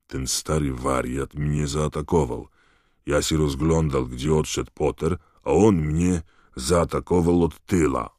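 Guy doing dazed young athlete, mutters, broken grammar, deep dry voice. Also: steady tone, takes it slowly, a little mellow, no room sound. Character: young male foreign athlete, dazed and grumbling.

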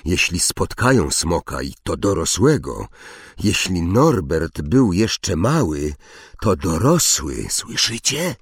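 A man's voice: sits low, sing-song, slow, slightly rough, dry recording, clean studio sound, exaggerated voice. A man voicing a jumpy young schoolboy wizard who grumbles and jokes sarcastically. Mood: nervous.

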